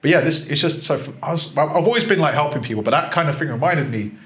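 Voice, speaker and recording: Fast-talking man, chatty. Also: on the high side, a bit bright. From England. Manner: chatty, laughs often, many restarts and fillers. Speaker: gallery founder, guest. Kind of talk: casual interview chat.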